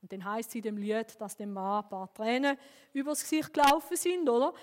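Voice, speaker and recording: A woman pastor with a Swiss German accent, preaching a sermon through personal stories in an earnest, lively way. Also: a little high, brisk, in a large hall.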